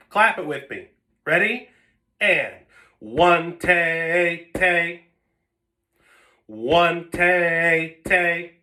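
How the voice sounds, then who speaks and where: Bright high-voiced man teaching a lesson. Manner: patient, repeats 'okay?' often. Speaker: music teacher. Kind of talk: online string lesson. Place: home, seated with whiteboard. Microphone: phone camera.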